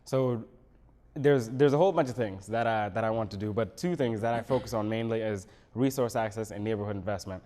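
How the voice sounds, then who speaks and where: A man from Senegal, a city council candidate, answering questions in a local TV studio interview with measured, pause-filled speech. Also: lowish voice, warm tone.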